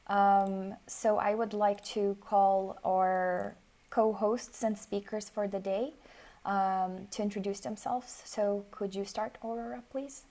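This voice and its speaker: A woman hosting an online design workshop over a video call, organized and often pausing with "um". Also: mid-range voice, steady tone, warm tone. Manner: organized, with frequent "um" fillers. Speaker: workshop host.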